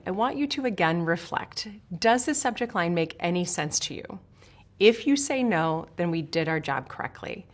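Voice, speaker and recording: A woman from Switzerland narrating a sales course in an upbeat, emphatic coaching manner, speaking straight to the viewer. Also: lowish voice. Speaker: sales instructor.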